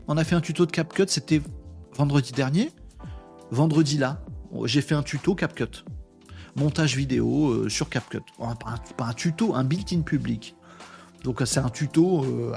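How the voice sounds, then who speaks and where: Tired, chatty livestream host. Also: male voice, medium pitch, normal speed, creaky, a little mellow, faint music behind. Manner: chatty, reads viewer comments aloud, playful asides. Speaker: livestream host reading chat. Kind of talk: casual live chat.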